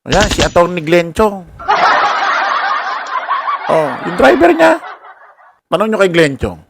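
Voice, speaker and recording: A man's voice: sits high, very animated, slow, vocal fry, heavy background noise. A man giving casual political commentary to viewers, mocking and laughing, full of rhetorical questions. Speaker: commentary vlogger.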